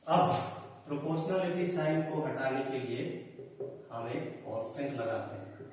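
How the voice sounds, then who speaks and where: A male chemistry teacher, slowly explaining formulas in a lesson and repeating the key terms. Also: mid-range voice, darkish tone. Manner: slow, repeats key terms, mixes Hindi and English. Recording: echoey room, mic far off.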